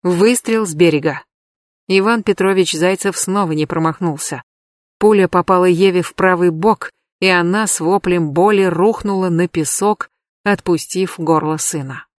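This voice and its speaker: Female audiobook narrator, dramatic read; low register, dry booth sound. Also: normal speed, dry recording. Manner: dramatic reading. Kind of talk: scripted narration.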